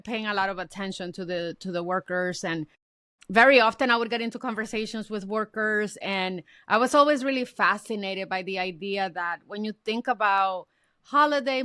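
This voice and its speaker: A woman from the Dominican Republic speaks as a guest author with a bright, forceful tone. Her talk is earnest and reflective, and it gathers into passionate points. The sound is dry, with almost no room. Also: medium pitch, clean tone, no room sound. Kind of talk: podcast interview.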